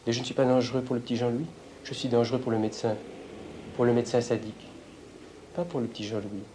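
A young man confronting his analyst in a heated argument, provocative, swinging between raised voice and hushed tones, caught on a portable tape recorder in an office. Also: mid-range voice, level tone, fast, noisy background. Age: young adult. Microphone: hidden portable tape recorder.

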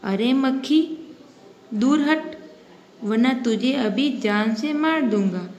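A woman's voice: fairly high pitch, measured pace, darkish tone, dull audio, natural voice. A woman voicing an angry male lion, the jungle's king, who scolds and threatens in a storybook reading recorded in an echoey room.

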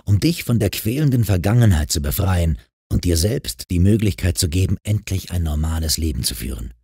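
A man voicing a calm, caring grown man in an audiobook who patiently talks a troubled girl round. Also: sits low, brisk, creaky, breathy edge, dry recording, studio quality, heavily acted. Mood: earnest.

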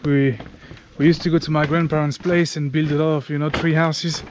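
Chatty male travel vlogger, slightly high voice. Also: level tone, a little fast, a little mellow. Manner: informal, chatty, occasional swearing. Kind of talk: casual vlog commentary. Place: outdoors on forest walking paths. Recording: outdoor ambience noise.

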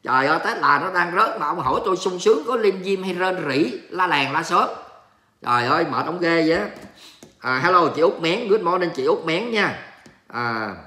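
A man's voice: fairly high pitch, sharp tone. A Vietnamese man hosting a casual livestream, reading viewer comments aloud and joking in an exclamatory way, mixing in English words. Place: home in Texas. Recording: echoey room.

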